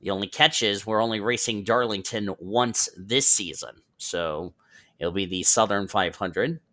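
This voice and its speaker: A man's voice: on the low side, measured pace, pushed and bright. A man calling a simulated stock car race as host, checking the standings aloud and correcting himself as he goes, with a bit of a cough. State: coughing, slightly under the weather. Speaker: race commentator. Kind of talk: play-by-play sim racing commentary.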